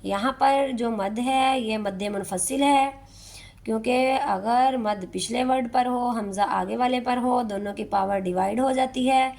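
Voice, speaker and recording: Lady tajweed teacher, kinda high voice w gravelly edge, keeps asking "okay?". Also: darkish tone. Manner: checks in often with a rising "okay?", repeats each word slowly. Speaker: Quran recitation teacher. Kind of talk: tajweed lesson, explaining rules then reciting verses slowly.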